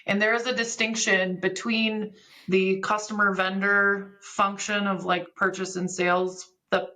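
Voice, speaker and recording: As an expert guest on a podcast about business software, a woman walks listeners through technical points step by step, using examples in a conversational way. Her mid-range voice barely moves in pitch and is unhurried, bright, and forceful, captured on a rough recording.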